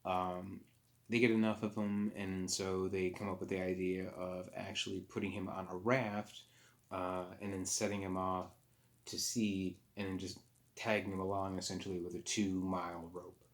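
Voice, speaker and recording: A man casually recapping a movie plot for a review, rambling and halting, with frequent fillers and self-corrections. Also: low-pitched, level tone.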